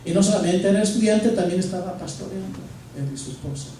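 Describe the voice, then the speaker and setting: A man's voice: sits high, fast talker. A man, a pastor, telling a personal story in a sermon and acting out the dialogue. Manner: animated, acts out dialogue. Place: church. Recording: echoey church from a distance, faint noise.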